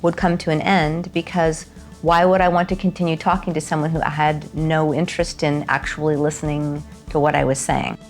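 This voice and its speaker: A woman's voice: sits low, flat delivery, moderate pace, faint music behind. A mother speaking earnestly about her son's mental illness in a documentary interview, her frustration showing.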